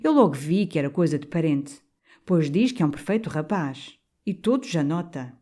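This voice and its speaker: A woman voicing a slow, gossipy elderly countrywoman with a small drawling voice and a Minho accent, in an audiobook. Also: low-pitched, animated, warm tone. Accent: Minho, northern Portugal.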